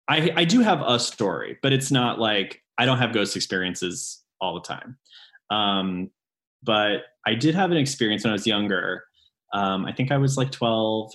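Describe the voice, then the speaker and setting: In a casual interview, a man in his late twenties who guides ghost tours talks with plenty of ums. His pitch leaps up now and then in lively bursts.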